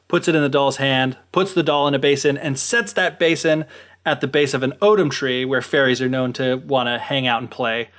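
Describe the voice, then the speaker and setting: A man co-hosting a podcast, casually retelling a folktale with lots of fillers. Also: medium pitch. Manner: animated, filler-heavy retelling. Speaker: podcast co-host. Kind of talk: casual storytelling.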